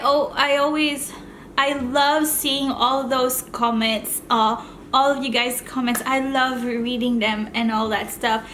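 There's a faint hiss or hum behind this woman's fairly high, slightly bright voice. She runs a mukbang channel and chats loosely, wandering from topic to topic between bites of food on camera.

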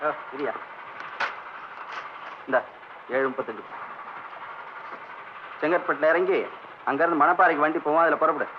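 An actor playing a stern railway ticket inspector who speaks in a brusque, official way, on a dull old film soundtrack with hiss. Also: male voice, on the high side, normal speed, long pauses, close to an everyday voice.

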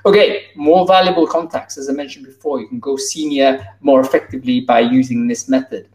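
A thirties-aged man delivers a conference keynote over a video call, speaking loosely and conversationally with fillers and restarts. His medium-pitched, darkish voice moves fairly quickly with fairly even intonation. Picked up on wired earbuds, the audio sounds roomy and distant.

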